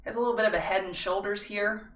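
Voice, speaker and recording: The middle-aged stock market livestream host talks fast in a medium-pitched, fairly bright voice with fairly even intonation, chatting folksily with viewers during her casual market analysis. She's recorded far from the mic in an echoey room.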